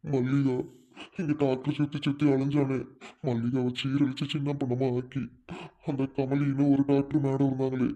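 A man plays a grieving old widower. His voice stays flat and dark. He laments without hope. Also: mid-range voice, normal speed, dull audio, natural voice. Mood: mournful. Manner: lamenting, mournful complaint. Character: grieving widowed old father, lost and hopeless. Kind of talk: amateur Tamil family drama acting.

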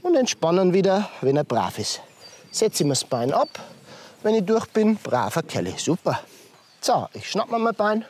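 A man, a horse trainer demonstrating hoof handling step by step, softly praising the horse between explanations. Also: sits high. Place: outdoors with a horse.

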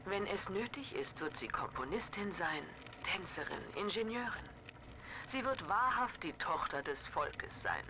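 A woman voicing a cold, calculating female cult leader and scientist in a German game dub, speaking in a measured, lecturing way that sometimes drops to a hush. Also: medium pitch, lively intonation, noisy background, close to an everyday voice.

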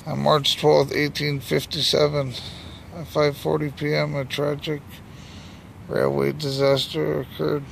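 A male vlogger chats casually and informally while filming himself on a night magnet fishing trip, narrating from a bridge walkway. His voice is fairly high with some vocal fry, delivered completely flat at a measured pace. The handheld camera or phone he holds picks up a noisy outdoor ambient hum with faint background sound.

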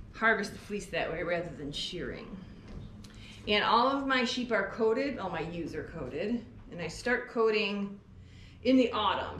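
Recorded by a tripod camera a few feet away in an echoey barn with faint ambience, a middle-aged sheep farmer who sells fleece talks eagerly while working at a fleece-skirting table. Her medium-pitched voice is a bit bright, with a little hiss or hum.

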